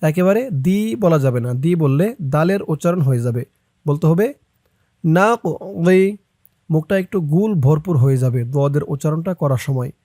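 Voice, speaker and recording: A man teaching Quran reading, chanting verses slowly and then briskly explaining pronunciation, recorded close and dry. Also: fairly high pitch, dark tone, no echo. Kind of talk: recitation lesson, reciting then explaining.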